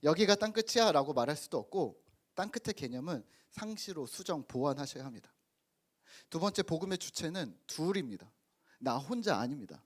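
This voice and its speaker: Animated male pastor preaching. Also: a little high, moderate pace. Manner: anecdotal, quotes voices of family and congregation. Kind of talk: sermon. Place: church sanctuary.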